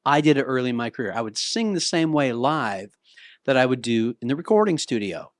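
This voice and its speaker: A man's voice: medium pitch, expressive, a little fast, dry recording. Easygoing man teaching singing, dry sound. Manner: casual, conversational, with sung demonstrations. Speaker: vocal coach. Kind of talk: talking-to-camera singing lesson. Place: Nashville.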